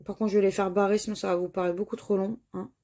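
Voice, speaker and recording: A woman's voice: medium pitch, level tone, fast talker, dark tone. A woman with a French accent chatting to viewers while she scratches crossword lottery tickets and reads out letters and words.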